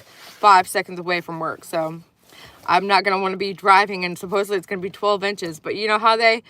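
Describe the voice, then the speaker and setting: A woman's voice: medium pitch, a bit bright. A woman hosting a casual livestream commentary, rambling with lots of fillers and restarts, blunt and sometimes swearing. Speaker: channel host.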